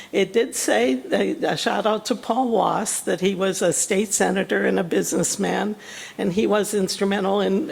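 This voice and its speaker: Older woman, gravelly, husky, chatty speaker, self-deprecating. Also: medium pitch, darkish tone. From Western Pennsylvania. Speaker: guest author. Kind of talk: casual public talk.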